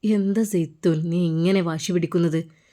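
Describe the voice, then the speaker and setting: A woman voicing a gentle, worried husband who speaks softly and a little lower. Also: steady tone, measured pace, lightly acted. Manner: soft, lowered, concerned.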